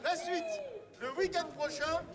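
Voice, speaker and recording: A man's voice: very high voice, steady tone, unhurried. A man works as a town crier, declaiming announcements and messages aloud in a public street. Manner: declaimed, projected public crying. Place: outdoors in an urban street. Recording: outdoor street recording with crowd. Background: crowd and street sounds.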